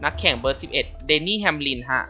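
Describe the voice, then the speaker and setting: A man giving casual racing game commentary, chatty and polite as he explains, then bursting into loud excited exclamations. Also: medium pitch, fast. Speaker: gameplay commentator. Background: racing game music.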